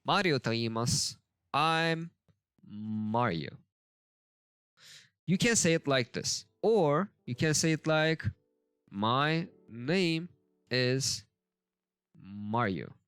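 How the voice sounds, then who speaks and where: Guy going thru a lesson out loud, slow and halting, keeps fixing himself, mid pitch. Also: animated, clean tone, no room sound, studio quality. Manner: halting, self-correcting, thinking aloud. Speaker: language learner teaching a lesson. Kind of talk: casual screen-share lesson commentary.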